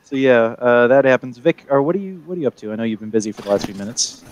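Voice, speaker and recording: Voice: medium pitch, lively intonation, fast talker, a little hiss or hum. Casual rambling tabletop game master. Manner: casual, rambling narration with many ums.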